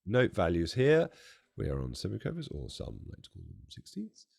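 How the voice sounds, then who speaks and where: Low-voiced man with a strained, failing voice. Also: huge pitch swings, normal speed, vocal fry, loud music behind the voice. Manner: chatty, self-deprecating, jokey asides. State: strained, nearly losing his voice. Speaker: music software demonstrator. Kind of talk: casual product walkthrough.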